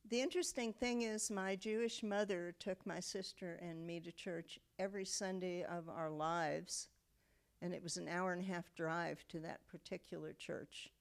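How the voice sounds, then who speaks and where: A woman's voice: lowish voice, steady tone, normal speed, vocal fry. A woman, telling her family story in an oral history interview. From United States. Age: 70s. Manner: reflective storytelling with frequent um and okay.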